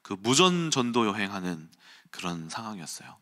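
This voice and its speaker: A man preaching an early-morning sermon, telling a personal story in an animated way and acting out quotes and sounds. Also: on the low side, moderate pace.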